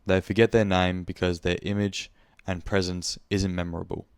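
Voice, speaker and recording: A man's voice: low voice, level tone, moderate pace, clear, resonant tone, no echo, studio quality. A young man with an Australian accent, hosting a podcast in a casual, rambling monologue, speaking frankly and swearing freely. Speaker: podcast host.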